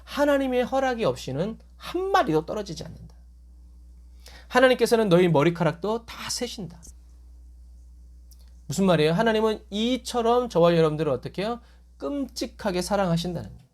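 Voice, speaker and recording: A man's voice: very animated, fairly quick, long pauses. A man preaching a sermon as a pastor. He asks the congregation questions and answers them himself, and he acts out quoted lines with jumps in his voice. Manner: acts out quoted voices with sudden rises in pitch.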